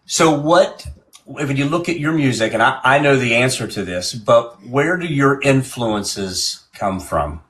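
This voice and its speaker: A man's voice: mid-range voice, lively intonation, a little slow, fairly bright tone. A man hosting a live-stream music show in a casual, chatty way, often repeating and restarting his phrases.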